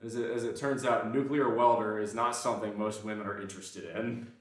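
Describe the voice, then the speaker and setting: With a fairly low, steady voice and a fairly quick delivery, this man banters self-deprecatingly with his livestream audience between gym sets. He has a mild Southern accent. He sits far from the mic in a very echoey indoor gym.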